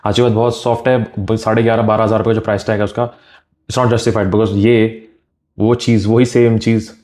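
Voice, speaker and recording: A man reviews fragrances for his vlog with lively enthusiasm, mixing Hindi and English. His voice sits a bit low and sounds mellow and warm. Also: moderate pace.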